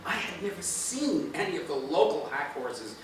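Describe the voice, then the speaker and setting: Expressive man reading a story aloud. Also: on the high side, moderate pace, slight background noise. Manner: expressive, swings between hushed and loud. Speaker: reader of his own play. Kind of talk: dramatic first-person story reading. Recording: echoey room from far off, faint ambience.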